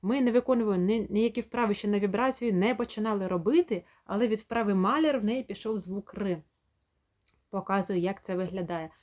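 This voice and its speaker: A woman speech therapist walks parents through a home lesson in an even, middle-pitched voice. She explains step by step and stops to act out each sound slowly and clearly.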